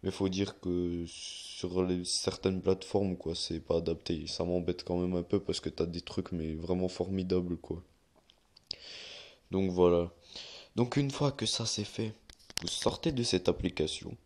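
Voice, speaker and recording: A man's voice: deep voice, steady tone, measured pace, a little mellow. A young man giving a casual, rambling screen-recorded tutorial, with many fillers and restarts as he walks viewers through steps.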